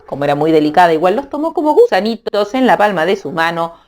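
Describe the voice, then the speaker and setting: Animated woman reading a children's story. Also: on the low side, quick pace. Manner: animated, playful, with sound effects.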